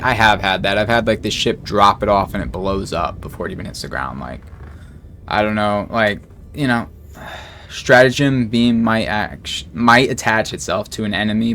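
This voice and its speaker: Reading patch notes slowly one by one, this gaming streamer reacts to each in a casual, rambling manner, swearing and using lots of fillers. His voice sits on the low side and is a bit bright, with a little hiss or hum in the audio.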